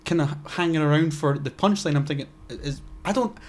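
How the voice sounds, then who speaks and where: Fairly quick and slightly high-voiced, this young podcast co-host from Scotland keeps the chat casual. He wanders off topic, interrupts himself partway through sentences and adds dry, wry comments.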